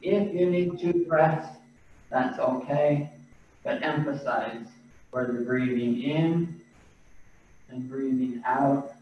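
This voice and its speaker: A man leading a qigong exercise class over a video call, giving calm, patient breathing cues. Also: mid-range voice, slow pace, pauses often, slight background noise. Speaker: qigong instructor. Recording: echoey distant video-call audio, dull and lo-fi.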